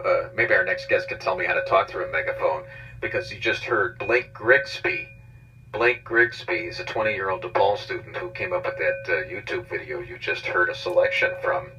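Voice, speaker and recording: A man speaking through a megaphone on a radio show, his voice distant and muffled. His tone is low and his talk is chatty and playful. Music plays loudly behind him. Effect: talking through a megaphone with feedback.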